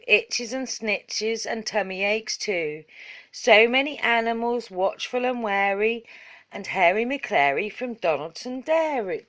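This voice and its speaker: A woman reads a children's story aloud slowly, her measured delivery following the rhythm of the rhyming verse. Her pitch is middling and a bit bright.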